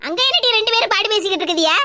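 A woman's voice: very high voice, expressive, very fast, background noise. A woman voicing a suspicious, scolding mother in a cartoon, with a Kanyakumari Tamil accent. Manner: scolding, nagging. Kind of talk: cartoon comedy dub.

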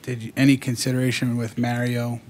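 A male reporter asking measured questions at a press conference, heard off camera. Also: mid-range voice, monotone, darkish tone, slight background noise.

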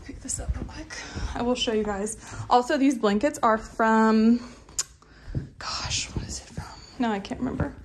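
A young woman talks into her phone while she walks through her house. Her voice sits a little high, and she rambles, trails off and starts her sentences over. A faint hum of room noise runs underneath. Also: normal speed. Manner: chatty, rambling, self-deprecating, trails off and restarts. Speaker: lifestyle vlogger. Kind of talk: casual home-tour chat. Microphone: phone camera on a handheld stick.

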